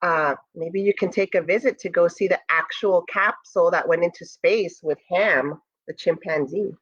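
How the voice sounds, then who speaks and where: A woman with a lowish, somewhat breathy voice reads a picture book aloud to young pupils at a normal speed. She reads expressively and makes direct asides to her listeners, and the sound is lo-fi.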